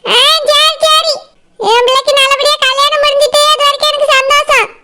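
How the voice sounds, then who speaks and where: A woman's voice: extremely high pitch, fairly even intonation, normal speed, bright, forceful tone, pitched above the performer's own voice. A woman voicing a bossy village mother who scolds her daughter, speaking with a Kanyakumari Tamil accent. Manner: scolding, ordering people about.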